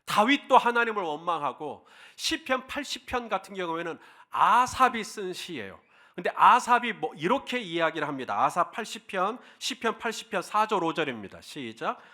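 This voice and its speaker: A man's voice: high-pitched, big pitch swings, moderate pace, bright, forceful tone. A man pastor preaching a sermon, leading his congregation through scripture readings line by line and acting out the cries he quotes with passion. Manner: leads the congregation in call-and-response scripture reading; impassioned, acts out quoted cries.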